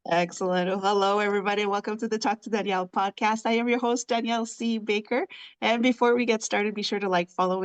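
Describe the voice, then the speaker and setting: A woman hosting a podcast and introducing her guest. She sounds enthusiastic and chatty, and she laughs easily between sentences. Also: medium pitch. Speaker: podcast host. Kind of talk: podcast interview.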